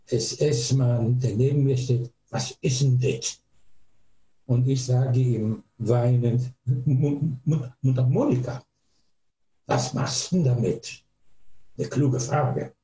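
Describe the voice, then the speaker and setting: An older man giving a testimony talk to an audience, telling his story slowly and deliberately with heavy pauses. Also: mid-range voice, mellow, reverberant, poor audio. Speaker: eyewitness speaker.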